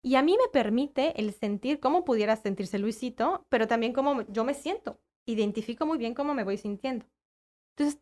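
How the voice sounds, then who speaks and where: A woman with a fairly high voice talks in a relaxed conversation. She works with children and explains her methods with lively acted-out examples. Her voice sits a little above the usual range for a woman. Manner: animated, acts out quoted voices. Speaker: guest, child educator. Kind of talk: casual conversation.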